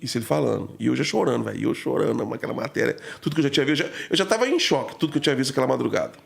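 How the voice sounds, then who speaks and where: Gravelly fast-talking man telling stories. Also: medium pitch, lively intonation. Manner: slangy, emotional, packed with fillers. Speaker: podcast guest. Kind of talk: casual storytelling.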